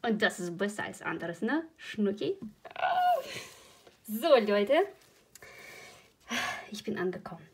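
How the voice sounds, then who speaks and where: Brief: woman vlogger, husky voice, rambling emotional chat at home. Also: fairly high pitch. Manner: chatty, rambling and emotional, laughs often. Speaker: crochet channel host. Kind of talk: casual vlog chat.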